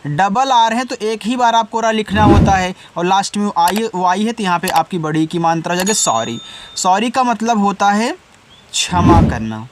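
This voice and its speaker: A man teaching English words letter by letter, spelling slowly, then explaining patiently and answering his own questions. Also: high voice, very noisy. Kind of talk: Hindi-language spelling lesson.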